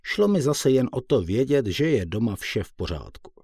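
A man reading a first-person audiobook in a calm, reflective storytelling manner. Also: mid-range voice, husky, no echo, studio quality. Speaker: audiobook reader.

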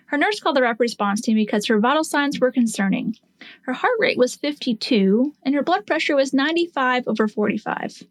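A nurse in her forties hosts a podcast, recounting a patient's story and teaching in an earnest, explanatory style with rhetorical questions. Her voice is high, and the recording has no echo.

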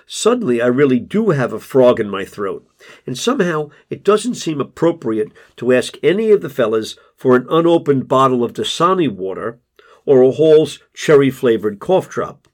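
Husky man narrating a wry story. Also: mid-range voice, big pitch swings, moderate pace, a little mellow. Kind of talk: first-person story narration.

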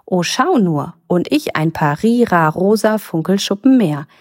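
A woman's voice: lowish voice, animated, measured pace, no echo, clean studio sound. A woman voicing a cheerful, helpful young mermaid girl in a storybook reading. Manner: bright, eager, bossy at play.

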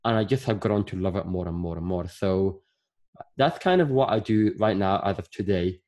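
A man in his thirties from Northern Ireland talks in a fairly low voice as a podcast guest. He chats casually and rambles, filling his talk with lots of filler phrases. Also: normal speed, darkish tone. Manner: chatty, rambling with many fillers. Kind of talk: casual interview chat.

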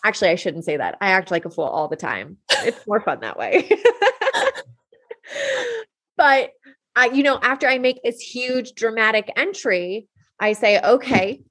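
Animated, laughing woman teacher. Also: mid-range voice. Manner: animated storyteller, laughs often. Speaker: teacher and podcast guest. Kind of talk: conversational interview.

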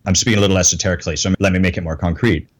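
Candid deep-voiced man reflecting. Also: fairly even intonation, very fast. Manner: candid and self-deprecating, laughs at himself. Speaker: coach. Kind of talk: reflective interview talk.

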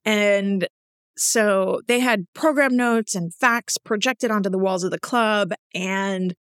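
A woman's voice: medium pitch, slow pace, fairly bright tone, clear, resonant tone, no room sound. An enthusiastic woman hosts her podcast in a casual monologue, gushing like a proud self-described nerd. Her voice sits mid-range and is recorded dry with no room sound. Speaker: podcast host.

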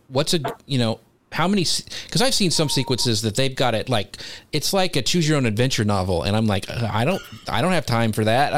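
A man's voice: mid-range voice, slight background noise. A man hosting a casual live show, asking meandering, informal questions with a self-deprecating streak. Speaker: interviewer, show host.

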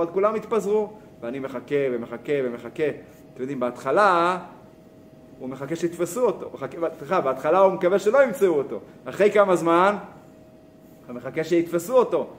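A man's voice: sits high, slight background noise. A man teaching a Torah lesson, asking rhetorical questions and telling a story. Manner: animated, asks rhetorical questions.

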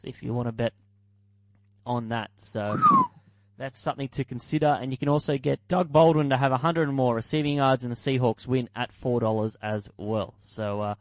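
A man's voice: mid-range voice, fairly even intonation, normal speed, darkish tone, no echo. An Australian man co-hosting a casual sports podcast, losing his voice and rambling with fillers as he talks betting lines and wraps up the show. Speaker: podcast co-host.

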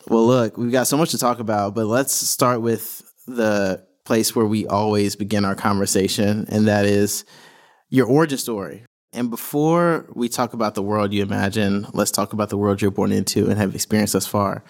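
A man's voice: fairly low pitch, fairly even intonation, normal speed. A man co-hosting a podcast, upbeat, who laughs easily and leads with questions. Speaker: podcast co-host. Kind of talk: casual interview chat.

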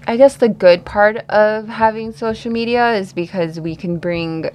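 A woman's voice: medium pitch, normal speed, a little mellow, clean tone. A woman co-hosting a conversation in a casual, conversational style. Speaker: podcast co-host.

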